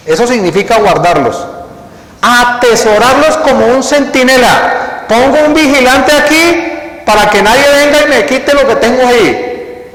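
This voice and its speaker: A man's voice: extremely high pitch, a bit bright. A man preaching a sermon as pastor, repeating key words and putting questions to the congregation. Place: church hall. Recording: echoey church hall, long reverb.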